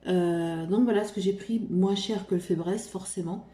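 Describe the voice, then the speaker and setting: A woman's voice: fairly low pitch, steady tone, normal speed, warm tone. A woman vlogger chatting casually about a shopping haul, hesitant, with many fillers and restarts. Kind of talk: casual haul vlog chat. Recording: roomy echo, faint room ambience.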